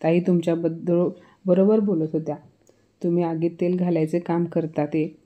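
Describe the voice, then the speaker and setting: A woman's voice: on the low side, level tone, normal speed, muffled recording, lightly acted. A woman voicing an outspoken young daughter-in-law who answers back pointedly in a storybook reading. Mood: defiant.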